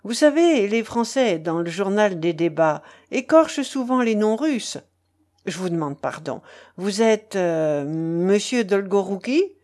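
A woman's voice: mid-range voice, animated, unhurried, a little mellow, lightly acted. A woman doing a fussy, apologetic young companion. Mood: fussy explaining. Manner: explanatory, anxious, apologetic.

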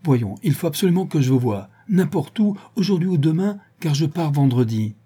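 A man's voice: medium pitch, normal speed, warm tone, breathy edge, close to an everyday voice. A man playing a spoiled young suitor. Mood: insistent.

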